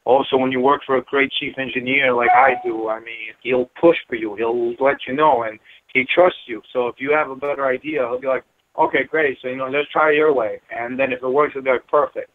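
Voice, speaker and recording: A middle-aged building engineer, a guest on an interview, talks casually and earnestly, peppering his speech with "you know." His mid-range voice is brisk with fairly even intonation, heard over a thin phone line.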